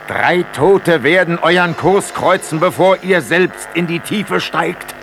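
A man's voice: on the high side, takes it slowly, creaky, fairly bright tone, soft background music, full character voice. An actor playing an anxious, superstitious sailor in an audio play, grim and urgent in his warnings. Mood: ominous. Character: anxious, superstitious male sailor on whaling ship. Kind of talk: dramatised audio play acting.

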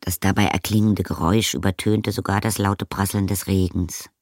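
A man narrating an audiobook in a measured, calm storytelling manner. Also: deep voice, no room sound, clean studio sound. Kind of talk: scripted narration.

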